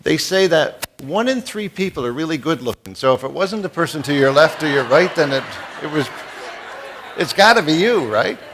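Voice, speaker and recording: A man's voice: fairly high pitch, animated, normal speed, noisy background. A man in his fifties, from the East Coast, giving a folksy, joking keynote speech and asking the audience questions. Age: 50s. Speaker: keynote speaker.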